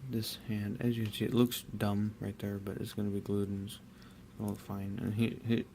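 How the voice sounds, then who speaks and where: A young man casually talking through his hobby work, rambling and relaxed with many fillers and restarts. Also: on the low side, brisk, noisy background. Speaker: miniature painter.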